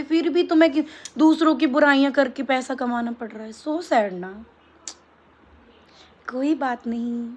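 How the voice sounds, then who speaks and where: Woman, young adult, high voice, sarcastic, taunting, casual vlog talk. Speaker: vlogger. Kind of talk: casual vlog monologue to camera.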